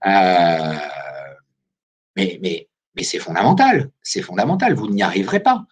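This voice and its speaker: Husky, lively French man presenting a webinar. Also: low voice, unhurried. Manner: animated, addresses listeners directly with questions. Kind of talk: lively business webinar talk.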